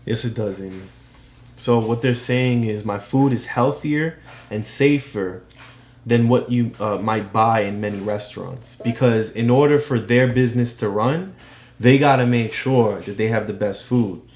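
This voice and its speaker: In an echoey room, a mid-range, slightly dark voice speaks a little slowly. It belongs to a parent tutoring a child through a book, explaining things patiently during a casual read-along and frequently making sure the child follows.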